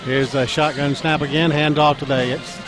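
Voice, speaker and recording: Over crowd noise and band music, a male play-by-play announcer calls a high school football game in a scratchy, strained, level-toned voice. His delivery is halting and full of fillers, lifting when a run breaks free.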